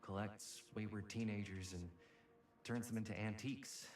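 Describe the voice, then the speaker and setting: A man's voice: on the low side, fairly even intonation, moderate pace, a little mellow, natural voice. Man acting a skeptical teenage boy, echoey. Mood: joking, skeptical. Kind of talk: video game voice acting. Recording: echoey, distant game dialogue over music.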